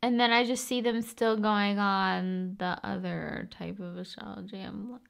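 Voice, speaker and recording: Her voice is mid-range and steady with some vocal fry as she hosts an ASMR video. The talk is relaxed and hushed, moving back and forth between gentle speaking and whispering.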